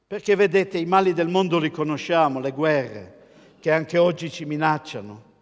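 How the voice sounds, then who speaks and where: An older man with an Italian accent preaches from the pulpit in a fairly high voice. His delivery is measured and emphatic, and he poses rhetorical questions to the congregation. His voice carries a long reverb through the large church. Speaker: pastor. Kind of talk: sermon. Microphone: pulpit mic, filmed by a camera across the church.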